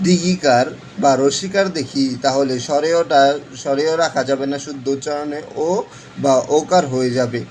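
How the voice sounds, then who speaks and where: A man with a somewhat high voice, teaching a pronunciation class. He goes through his points slowly and often repeats them. There is faint noise behind him. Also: a little mellow, rough recording. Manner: slow, repetitive explaining with frequent fillers. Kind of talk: online Bangla pronunciation lesson.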